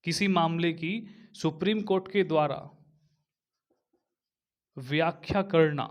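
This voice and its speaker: A man teaching an exam-prep lesson, speaking slowly and repeating phrases while he dictates notes. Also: on the high side. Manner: slow and repetitive, dictating notes while writing; explains step by step, with frequent fillers.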